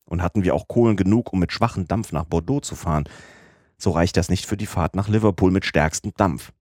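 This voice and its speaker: Ship's engineer, plain and matter-of-fact, read by a man; low and dry. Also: brisk, a little mellow, dry recording. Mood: worried. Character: ship's engineer explaining a problem.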